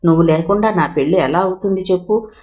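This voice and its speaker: A woman reading a novel aloud, voicing an earnest young man who pleads calmly and tenderly in a low, steady tone. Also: quick pace, lo-fi sound, close to an everyday voice. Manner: calm, low-voiced pleading.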